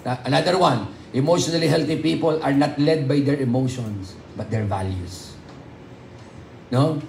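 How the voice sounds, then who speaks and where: A man with a Filipino accent preaching a humorous sermon as a pastor, animated and joking, with loud high exclamations. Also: normal speed, creaky, roomy sound, slight background noise, low-quality recording. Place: church hall.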